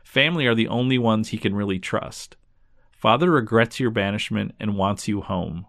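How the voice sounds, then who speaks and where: A man voicing a haughty young cartoon princess, formal and condescending in measured phrases. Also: lowish voice, creaky, fairly bright tone, no echo, studio quality. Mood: cool command.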